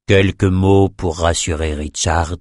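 A man voicing a gruff, weary old wizard who speaks slowly and low, with a grumbling tone. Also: fairly even intonation, darkish tone, no room sound, clean studio sound. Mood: wry. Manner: slow, low, grumbling delivery.

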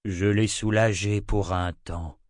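A man doing a slow, grave old prophet. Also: fairly low pitch, fairly even intonation, darkish tone, dry recording, clean studio sound. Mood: grave, weary.

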